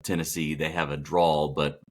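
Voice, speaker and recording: A hospital chaplain from the Dallas area of Texas talks as a podcast guest in a relaxed, reflective way, with many fillers and restarts. His bass voice moves at a normal speed over a little hiss or hum in this casual interview.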